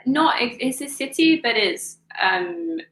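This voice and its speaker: A woman's voice: on the high side, unhurried. A woman with a London accent chatting on a panel, acting out little exchanges as she tells a story. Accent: London English. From London, England. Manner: animated storyteller who acts out exchanges. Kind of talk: casual panel chat. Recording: roomy echo.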